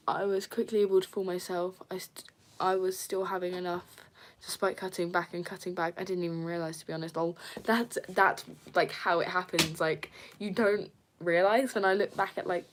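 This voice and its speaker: A young woman chatting casually on a live stream, soft and hesitant, with many fillers and nervous giggles. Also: lowish voice, steady tone, moderate pace, slight background noise. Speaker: livestreamer reading viewer comments.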